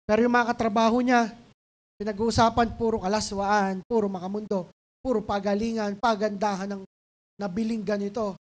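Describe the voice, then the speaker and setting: A woman's voice: mid-range voice, little pitch movement, moderate pace. A woman pastor with a Filipino accent preaching a sermon, pleading and emotional, building to fervent intensity. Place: church stage. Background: soft band music.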